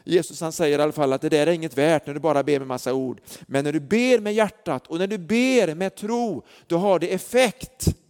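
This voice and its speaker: A man's voice: fairly high pitch, hardly any pauses, darkish tone, smooth. A man preaching a sermon, telling stories earnestly with lots of fillers. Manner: earnest storytelling with many fillers. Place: church hall. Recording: long church hall reverb.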